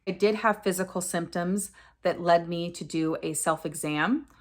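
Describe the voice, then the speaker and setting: A woman's voice: fairly low pitch, moderate pace. A woman in her forties telling a personal story to camera in an earnest, candid way, often correcting herself as she goes. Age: 40s. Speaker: vlogger sharing a personal story.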